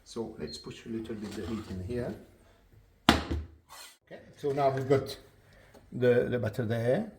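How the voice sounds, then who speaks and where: A man with a French accent, a chef giving a cooking demonstration in a kitchen, chatty and relaxed, often repeating words as he explains. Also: mid-range voice, measured pace, long pauses, heavy background noise. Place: kitchen at the stove. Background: sizzling frying pan.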